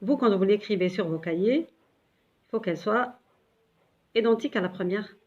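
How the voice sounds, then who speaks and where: A woman's voice: mid-range voice, moderate pace, a little mellow, dull audio. A woman teaching beginners step by step, patiently repeating syllables with some hesitant fillers. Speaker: Arabic teacher. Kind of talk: slow step-by-step lesson for beginners.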